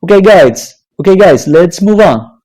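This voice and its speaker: Slow, lively-voiced language teacher. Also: mid-range voice. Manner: slow, deliberate, checks in with "okay?" and "right?". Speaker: Spanish teacher. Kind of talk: online language lesson.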